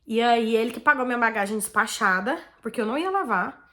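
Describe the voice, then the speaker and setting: Speaking fairly quickly in a slightly high voice, a Brazilian vlogger shares a personal story with her viewers in a Brazilian Portuguese accent. Her chat is casual and animated, sprinkled with "tipo assim" and "né."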